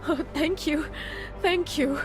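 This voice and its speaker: Here the Czech-accented surveillance worker sounds relieved, though the actress still plays her as nervous and guilt-ridden in a high voice. Her broken English drops articles and comes out halting and jumpy, with repetition, over music in this game cutscene.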